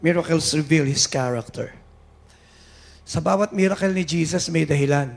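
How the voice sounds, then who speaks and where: Gravelly Filipino pastor preaching with fervor. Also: male voice, fairly high pitch, normal speed. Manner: switches between Tagalog and English, rising to shouts. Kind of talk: sermon. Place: church sanctuary.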